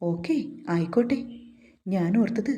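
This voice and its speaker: A woman's voice: medium pitch, animated, unhurried, warm tone, dull audio, lightly acted. Woman doing a cool, teasing young husband.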